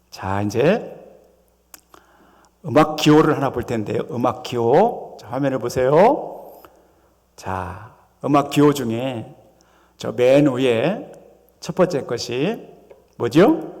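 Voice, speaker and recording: Male pastor, sermon, lively swooping pitch, slightly high voice, rhetorical questions, echoing church hall. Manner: animated, asks the congregation rhetorical questions. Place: church sanctuary. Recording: long hall reverb.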